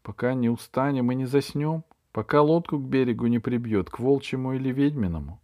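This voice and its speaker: A man's voice: medium pitch, a little fast, mellow, dry recording, studio quality, natural voice. A male reader voicing a clever, brave young girl in an audiobook, speaking in an earnest, firm way. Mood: questioning. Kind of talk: audiobook reading.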